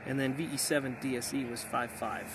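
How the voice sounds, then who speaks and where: Out in hilly backcountry, a ham radio vlogger, a middle-aged American man, casually and enthusiastically sums things up in relaxed outdoor vlog talk. He speaks a little fast in a mid-range voice with fairly even intonation, while outdoor noise runs in the background.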